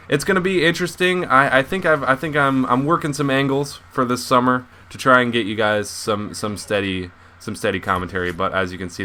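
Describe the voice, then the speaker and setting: A young man talks casually to his channel's viewers, wandering off on tangents and poking fun at himself. His voice is on the low side but bright and crisp. He restarts sentences often. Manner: rambling, self-mocking, lots of restarts. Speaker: YouTube gaming commentator. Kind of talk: casual video commentary.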